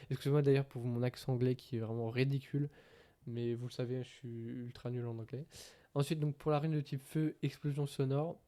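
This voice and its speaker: A man's voice: medium pitch, warm tone. A man casually reading game patch notes aloud, hesitant and full of fillers, who says English is not his strong point. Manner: hesitant, many fillers, reads translated text aloud. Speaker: gaming streamer.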